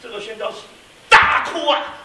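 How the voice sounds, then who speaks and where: A man preaching a sermon as a pastor, telling a story and swinging from quiet asides to loud exclamations. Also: high voice, expressive, moderate pace. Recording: echoey hall, mic at a distance, faint hiss.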